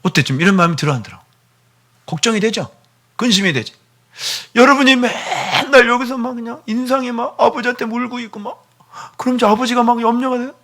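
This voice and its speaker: A middle-aged man preaching a sermon as pastor, animated, moving between hushed whispers and near-shouts. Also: very high-pitched, fairly quick. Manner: acts out a doting father's voice.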